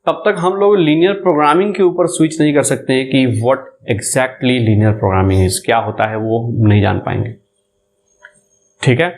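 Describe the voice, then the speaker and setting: Male maths lecturer, Bihari Hindi accent, slightly high voice, repeats key terms as questions. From India. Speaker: maths teacher. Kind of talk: classroom lecture.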